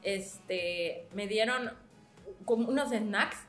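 A woman's voice: mid-range voice, very slow, reverberant, faint music behind. A woman with a Mexican accent co-hosting a casual podcast, laughing often and swearing freely as she tells stories. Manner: laughing, swearing, lively storytelling. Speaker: podcast co-host.

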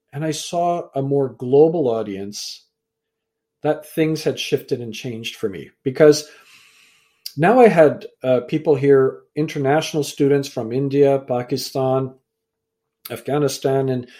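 A man's voice: mid-range voice, warm tone. A middle-aged man, born in England and raised in Canada, telling his story as an interview guest and acting out the exchanges he quotes. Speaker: author and guest. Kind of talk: conversational interview.

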